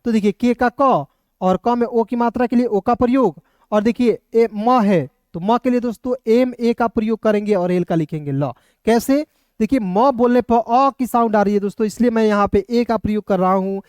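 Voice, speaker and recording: A man teaching English in a casual classroom lesson, asking viewers quick questions and answering them himself. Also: extremely high pitch, fairly even intonation, a little mellow, clear, resonant tone, dry recording, clean studio sound. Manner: repeats rhetorical questions to viewers.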